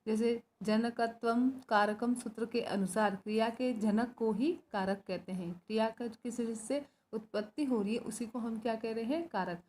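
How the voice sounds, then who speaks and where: A woman's voice: a little high, fairly even intonation, normal speed, hardly any pauses, a little mellow, slight background noise. A woman teacher with a Rajasthani Hindi accent, explaining grammar step by step and answering her own questions. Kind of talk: grammar lesson. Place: school.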